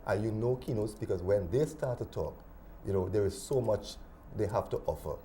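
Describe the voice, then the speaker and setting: A man hosting a studio TV interview, formal and welcoming, with soft humming acknowledgements. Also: on the low side, moderate pace, slight background noise. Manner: formal, welcoming, with filler hums. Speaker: TV talk show host.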